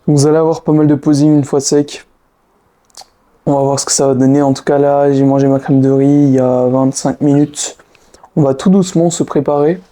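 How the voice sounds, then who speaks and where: A young man, a fitness vlogger, talks casually to camera about his training and gives coaching tips in a chatty, slangy way. His voice is mid-range with a warm tone.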